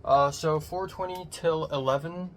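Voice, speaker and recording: A young man rambling through a casual personal vlog, swearing casually, his voice thin with no bass on a phone microphone. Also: fairly even intonation, a little slow. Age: young adult. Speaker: vlogger. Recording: thin bassless phone mic, background noise.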